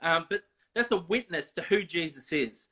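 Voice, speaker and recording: Bright-voiced man explaining with pauses. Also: on the high side, animated. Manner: explains with many ums and restarts. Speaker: missions guest. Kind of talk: casual video chat.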